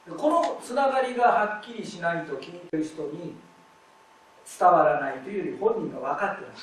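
A high-voiced man lectures step by step, stopping to read lines aloud as examples. He sounds far from the mic in a hall with heavy reverb and a faint hiss underneath. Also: lively intonation, brisk. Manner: explains step by step, demonstrating readings aloud. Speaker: lecturer on expressive reading. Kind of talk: live explanatory lecture. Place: lecture hall at a festival event. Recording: very echoey hall, distant mic.

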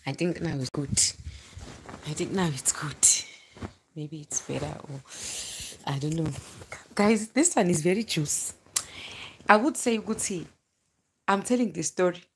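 Lying in bed indoors, a South African woman with a low, husky voice livestreams from a phone held at arm's length. Chatty and animated, she tells personal stories in casual chat from her bedroom, breaking off to greet viewers.

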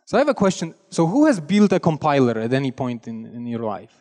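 A young Polish man with a Polish accent delivers a chatty, self-deprecating technical talk from the stage of a large conference hall, using a headset mic. His mid-range voice is slightly mellow and sing-song, and he speaks quickly, with the sound of the big hall around him.

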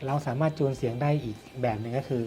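A warm, mid-range male voice delivers an explanatory audio product review at a fast clip. The man poses questions and answers them himself, with music playing in the background.

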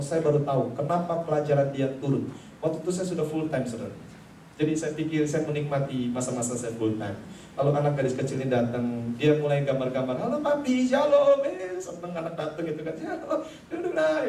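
A middle-aged male pastor preaching a sermon, telling a personal story with animated acted-out voices and addressing the congregation directly. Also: fairly high pitch. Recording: echoey hall from a distance, faint noise.

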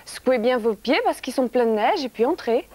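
A woman voicing a calm, polite twelve-year-old farm girl who speaks gently and without fear. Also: high-pitched, normal speed. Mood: gentle. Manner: gentle and unafraid.

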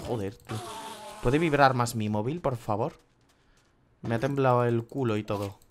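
A man with a Spain Spanish accent commentates his game casually, swearing freely and yelping when things go wrong. His voice sits in an ordinary middle pitch. Faint keyboard clicks and low noise sit behind him. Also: moderate pace. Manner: swears often, cries out in sudden yelps. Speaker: gaming youtuber.

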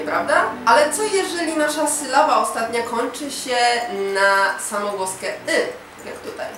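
A woman teaching a language lesson, explaining grammar rules step by step in a patient way. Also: fairly high pitch. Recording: very echoey room, voice from far off, music behind.

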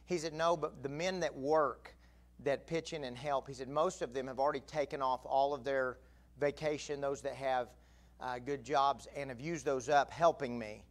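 A man's voice: medium pitch, fairly even intonation, normal speed. A middle-aged man, an assistant pastor giving announcements and then preaching with growing emphasis in a church sanctuary. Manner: conversational, rising to emphatic preaching. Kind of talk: announcements and sermon. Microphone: pulpit mic, far camera.

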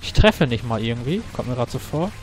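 A man hosting his own gaming channel, giving excitable, slangy let's play commentary and swearing often. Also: mid-range voice, brisk, faint music behind.

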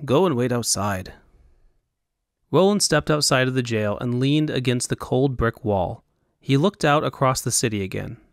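A man narrating his own fantasy audiobook in a steady, even storytelling voice. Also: mid-range voice, no room sound, clean studio sound. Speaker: narrator and author.

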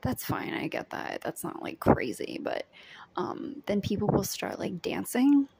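A woman's voice: mid-range voice, very animated, unhurried, a little mellow. A young woman chatting casually in a storytime diary vlog, giggly and often half-whispering, with lots of likes and ums. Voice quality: breathy, with vocal fry. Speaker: vlogger recounting a day as a background extra.

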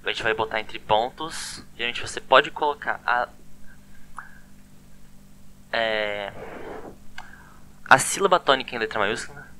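A man's voice: mid-range voice, a little slow, pauses often, bright, forceful tone, slight background noise. A man giving a casual online language lesson, chatty and often repeating words with a questioning "né?". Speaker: language teacher.

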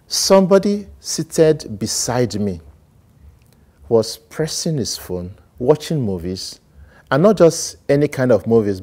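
Middle-aged priest preaching slow, loud bits then quiet bits, lapel mic. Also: male voice. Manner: animated, sweeping gestures, swings between loud emphasis and low asides. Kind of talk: homily. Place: small studio set with plants, indoors.

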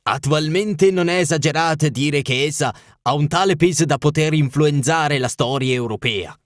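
A man's voice: a little high, normal speed, no room sound, studio quality, voice pushed up, close to an everyday voice. A man voicing a proud, towering masked king. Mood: solemn. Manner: solemn, formal, urgent.

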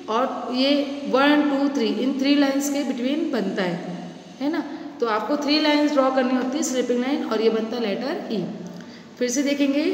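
A high-voiced woman with an Indian accent leads a nursery handwriting lesson, walking young children through each stroke with patient repetition. Her voice rings in an echoey room with a long reverb tail and faint background ambience. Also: darkish tone, a little hiss or hum. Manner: patient, repeats steps slowly for small children. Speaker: nursery teacher.

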